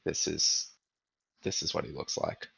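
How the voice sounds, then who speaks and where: A man narrating as game master of a tabletop game, casual and halting. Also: sharp tone.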